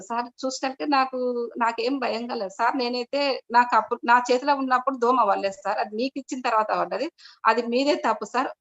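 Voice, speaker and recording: A woman's voice: fairly high pitch, a bit bright. A middle-aged woman shares her meditation experience, telling the story in a rambling way with frequent restarts and repeated polite address. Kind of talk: personal testimony told to an online meeting. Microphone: video call. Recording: dull lo-fi video call audio.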